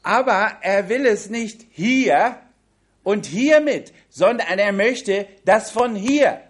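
A man with a high-pitched, expressive voice preaches a sermon on a Bible passage in a language other than his first, and his first language isn't German. His delivery is slow and emphatic, occasionally dropping into quiet asides.

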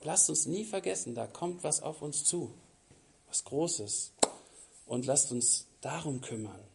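Preacher with a slightly high voice. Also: male voice, lively intonation, a little slow, vocal fry, noisy background. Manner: reads scripture loudly, then comments in a casual, chatty tone; repeats words for emphasis. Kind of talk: sermon reading and explaining scripture.

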